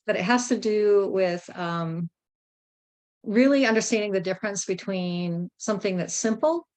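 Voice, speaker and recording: Fifties lady running a zoom workshop, lowish voice, takes her time, lots of um and right. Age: 50s. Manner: unhurried, thinking aloud with fillers and "right?". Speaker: workshop facilitator. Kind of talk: casual group facilitation on a video call. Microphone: video call.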